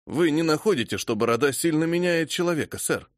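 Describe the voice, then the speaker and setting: A man voicing a feeble, fussy old father-in-law who mumbles quietly in a flustered way. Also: fairly high pitch, expressive, a little fast, dry recording, studio quality, voice pushed up, lightly acted.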